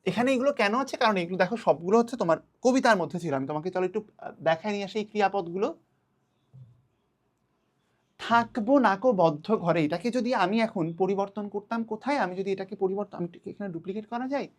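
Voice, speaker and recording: A young woman teaching an online class to children, patient and repeating key words slowly. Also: medium pitch.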